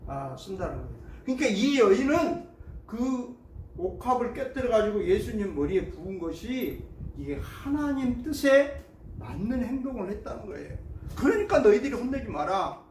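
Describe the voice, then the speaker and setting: A male pastor with a high voice preaches a sermon. He tells the story in a lively way and acts out the voices of the people in it. The sound is roomy and echoey, picked up from a distance in a church sanctuary. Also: moderate pace, a little hiss or hum. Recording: echoey hall, mic from afar.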